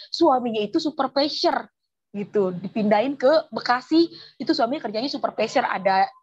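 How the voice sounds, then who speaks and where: Woman, testimony speaker, animated and emotional, breathy high voice. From Indonesia. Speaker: testimony giver. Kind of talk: personal religious testimony. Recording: dull lo-fi recording.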